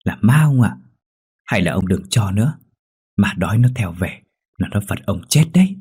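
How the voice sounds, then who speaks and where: A man voicing an anxious, sharp-tongued older village woman who nags and scolds. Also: on the low side, animated, moderate pace, breathy edge. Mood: fearful pleading. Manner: nagging, sharp.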